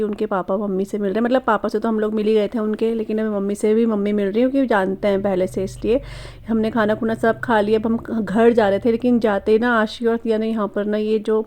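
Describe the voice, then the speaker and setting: A woman's voice: medium pitch, darkish tone. A woman in her thirties chatting casually through her daily vlog in a homely, rambling way. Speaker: vlogger.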